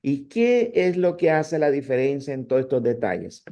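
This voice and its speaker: A man teaching a university class on preaching, talking in an animated, conversational way with frequent restarts and mock impressions. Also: medium pitch, moderate pace, highs cut off. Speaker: preaching professor.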